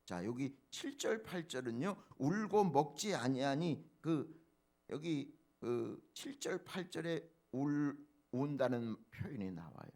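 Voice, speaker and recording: A male pastor preaching a dawn prayer sermon, swinging from soft low asides to loud emphatic peaks and speaking straight to the congregation. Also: lively intonation, takes it slowly. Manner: preacherly, addresses congregation directly.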